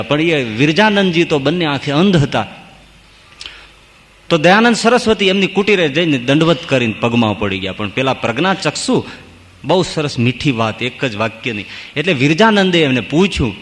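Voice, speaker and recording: Animated monk preaching in a hall. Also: male voice, medium pitch. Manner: animated storyteller, chanting rhymes. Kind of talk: devotional sermon with storytelling.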